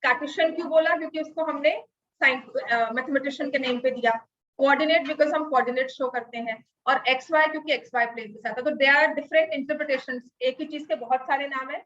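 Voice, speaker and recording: A woman's voice: high-pitched, quick pace, a bit bright. A woman maths teacher giving a class lesson, mixing Hindi and English and often checking that students follow. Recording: dull lo-fi recording.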